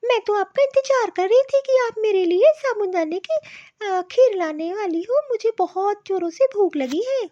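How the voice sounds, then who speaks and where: A woman's voice: extremely high pitch, lively intonation, moderate pace, hardly any pauses, warm tone, no room sound, highs cut off. A woman voicing a spoiled, scheming young daughter-in-law who whines sweetly in a cartoon. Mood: sugary.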